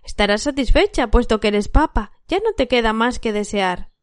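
A woman's voice: on the high side, expressive, moderate pace, dry recording, clean studio sound, lightly acted. A woman voicing a timid fisherman who begs his wife and calls to a magic fish. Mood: pleading. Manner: begging, fearful. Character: timid, pleading old fisherman.

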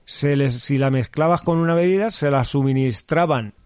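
A man's voice: mid-range voice, moderate pace, clear, resonant tone, dry recording. Joking man co-hosting a chat show. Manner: joking, swears freely, reads facts aloud. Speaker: podcast co-host. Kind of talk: casual chat.

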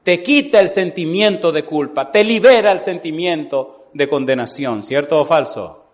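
A male preacher telling a story in a sermon, animated, who keeps asking his congregation to answer yes or no. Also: on the high side, normal speed. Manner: animated, repeatedly asks the congregation "sí o no".

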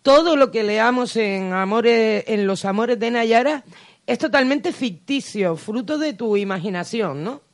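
A woman's voice: on the high side, animated, unhurried. A woman hosting a radio interview, asking chatty, curious questions. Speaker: radio host.

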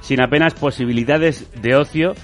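A man hosting a radio discussion, introducing guests in a measured, formal way. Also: medium pitch, soft background music. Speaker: radio host.

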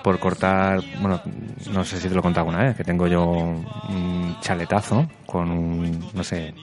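A man co-hosting a comedy show, bantering in a relaxed, joking, self-mocking way. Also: sits low, moderate pace, faint music behind. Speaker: co-host.

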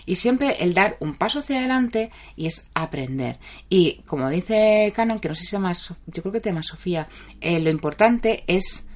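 A woman's voice: fairly low pitch, expressive, moderate pace, a little mellow. A middle-aged woman with a Spain Spanish accent, a therapist giving blunt, chatty advice and answering viewers' comments by name on a casual live stream. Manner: chatty and blunt, reads out viewers' names, laughs often.

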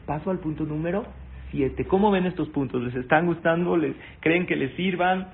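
A man giving a sermon, telling stories in an animated way and asking his audience questions. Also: on the high side, moderate pace, creaky. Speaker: rabbi giving a talk. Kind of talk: live-streamed sermon with storytelling. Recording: tinny phone-like sound, faint noise.

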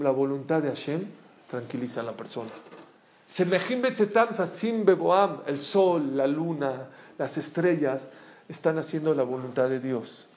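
A man giving an animated, storytelling Torah lesson as a rabbi, often asking his listeners questions. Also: a little high. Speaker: rabbi teaching a Torah class.

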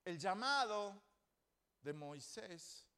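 A man with a Rioplatense accent preaching a sermon to his congregation, emphatic, with sudden rises and soft drops. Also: high-pitched, animated, drawn-out words, smooth. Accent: Rioplatense Spanish. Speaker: pastor. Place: church before a congregation.

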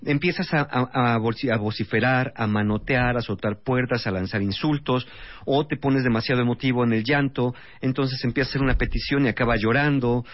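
A man's voice: mid-range voice, brisk, no room sound. Mexican guy explaining couples stuff on radio, dry dull studio sound. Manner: explanatory, lists examples. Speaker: guest couples expert. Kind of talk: radio talk show explaining.

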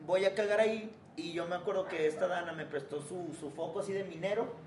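A young man with a Mexican Spanish accent telling a story among friends in a casual, animated way, swearing freely and acting out sounds. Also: sits high, brisk, distant mic, crowd noise. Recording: echoey room, faint noise.

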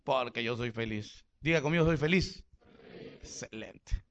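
Here the Salvadoran-accented pastor, middle-aged, speaks at a measured pace and medium pitch during his church sermon. He jokes, then shifts from loud exhortation to hushed storytelling, with dull audio and slight background noise.

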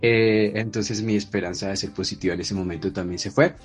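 A man's voice: fairly low pitch, steady tone, fairly quick, husky, faint music behind. A man chatting casually, telling a story in a self-deprecating way. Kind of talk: casual chat.

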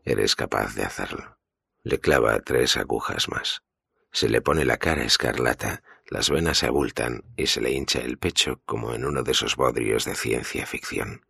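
A man narrates a thriller audiobook in a steady, grave voice. His tone is extremely deep, heavily gravelly and husky, with a bright, sharp edge. The studio sound is dry and close. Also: normal speed, no echo.

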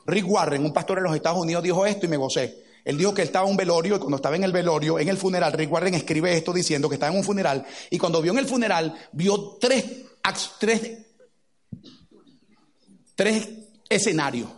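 A middle-aged man with a notably high voice delivers a sermon as a pastor. He tells stories in an animated way and acts out what people said along the way. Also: fairly quick. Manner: animated storytelling with acted-out quotes.

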